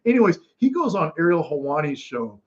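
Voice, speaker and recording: A man's voice: a little high, fairly quick. Rambling male fight commentator. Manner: rambling, animated storytelling with many restarts. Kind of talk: casual live commentary chat. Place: home room watching fights. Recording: dull lo-fi sound.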